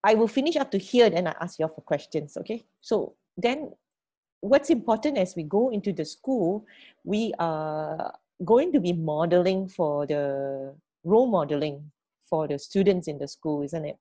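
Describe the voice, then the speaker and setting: A middle-aged woman talks her team through a plan on a video call. Her voice sits low and mellow, with a dry, close sound. She repeats words as she thinks and keeps checking in with "okay?" and "right?". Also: expressive, normal speed, dry recording. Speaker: team leader. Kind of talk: online team meeting briefing.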